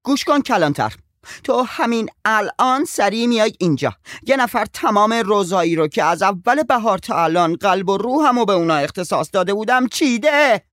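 A man's voice: high-pitched, expressive, fairly bright tone, no echo, studio quality, voice pushed up. A man voicing a fierce middle-aged country aunt who scolds urgently, in a storybook reading. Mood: angry.

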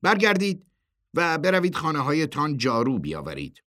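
A man's voice: a little high, big pitch swings, sharp tone, voice pushed up, full character voice. A man voicing a nervous, middle-aged male committee chief who stammers and tries to placate. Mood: ordering.

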